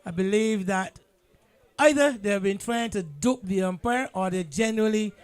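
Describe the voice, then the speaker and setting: A man with a Bajan accent giving live cricket commentary in a measured, explanatory way. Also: high voice, clear, resonant tone.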